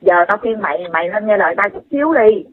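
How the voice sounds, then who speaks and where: Fast-talking woman lecturing. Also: mid-range voice, animated. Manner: scolding, repetitive and insistent. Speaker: commentator addressing someone directly. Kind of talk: casual lecturing call-in talk. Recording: tinny phone line.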